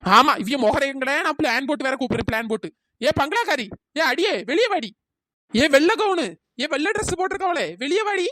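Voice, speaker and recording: A voice actor voicing a fierce little village girl in a cartoon story, bossy and defiant, with a pitch-raised voice. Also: lively intonation, a little fast, dry recording. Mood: mocking, shouting. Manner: defiant, bossy shouting at a bungalow.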